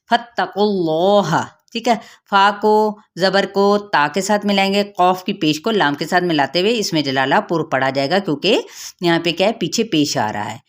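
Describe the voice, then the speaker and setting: Pakistani urdu accent lady, lowish voice, teaching recitation, slows right down to show each sound. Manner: patient, repeats sounds slowly to demonstrate. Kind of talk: tajweed lesson with slow demonstrations.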